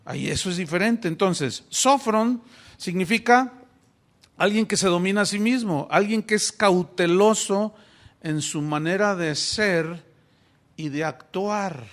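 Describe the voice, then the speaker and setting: A man's voice: high-pitched, a little slow, a bit bright. A middle-aged pastor from Mexico preaching a sermon, asking his congregation rhetorical questions.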